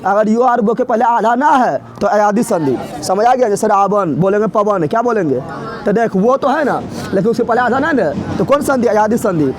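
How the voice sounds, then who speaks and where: A man's voice: sits high, lively intonation, moderate pace, some chatter behind. A man teaching an exam-prep grammar lesson, asking questions and answering them himself in a repetitive drilling way. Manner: drilling, asks and answers his own questions.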